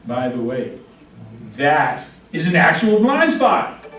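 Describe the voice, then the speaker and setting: Guy teaching a real estate class, lively up and down voice, joking with students, echoey room mic way off. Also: fairly high pitch, slow, far from the mic. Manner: animated, joking, quizzes the class. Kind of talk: classroom lecture with games.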